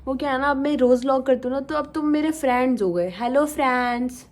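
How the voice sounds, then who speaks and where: A woman's voice: sits high, fairly quick. A young woman vlogger chatting casually and teasing her viewers in a playful, chatty way. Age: young adult. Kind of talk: casual chit-chat vlog.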